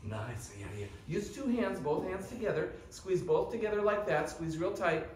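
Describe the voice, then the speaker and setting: Animated kids' party magician, woman, echoey room. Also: lowish voice, moderate pace, crowd noise. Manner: playful kids' party magician addressing children, coaxing and instructing. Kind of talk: live children's magic show patter. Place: indoor children's birthday party. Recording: echoey noisy room, distant microphone.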